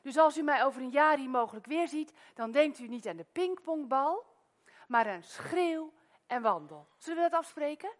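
A middle-aged woman from the Netherlands preaching a sermon in a church, telling stories with loud exclamations and wearing a microphone. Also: high voice, normal speed. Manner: lively storytelling, loud exclamations, soft-spoken prayer. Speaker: guest preacher.

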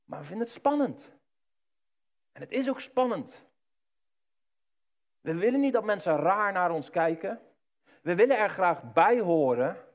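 A man preaching a sermon, addressing the listeners directly and swinging between hushed and loud. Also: high-pitched, sing-song, measured pace, long pauses.

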